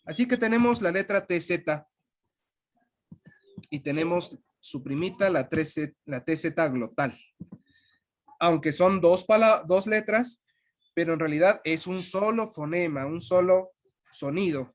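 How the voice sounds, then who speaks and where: Slow, patient language teacher. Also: medium pitch, expressive. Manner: patient, repeats and spells out sounds slowly. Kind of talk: online language lesson.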